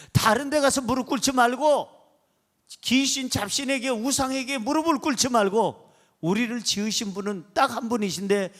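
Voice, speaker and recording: A male pastor with a high-pitched voice preaches emphatically in a church. He calls out phrases for the congregation to repeat and slips into acted-out dialogue as he tells stories. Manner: emphatic, leads congregation in call-and-response; acts out dialogue in storytelling. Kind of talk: sermon.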